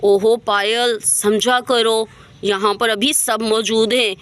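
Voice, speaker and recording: A flustered young village husband, voiced by a woman narrator for a bedtime doll story. The voice stays high and bright. He scolds and frets with exasperated sighs of "oho". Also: steady tone, slow, clean tone, no room sound.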